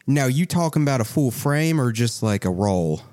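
A man's voice: mid-range voice, animated, moderate pace, warm tone, voice pushed up, lightly acted. A man voicing a folksy male shopkeeper with a put-on Southern accent, in a tabletop game.

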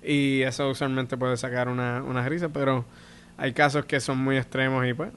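Bright-voiced Puerto Rican comedian. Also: male voice, medium pitch, moderate pace, slight background noise. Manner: animated storyteller acting out quoted voices. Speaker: stand-up comedian, guest. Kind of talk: casual podcast chat.

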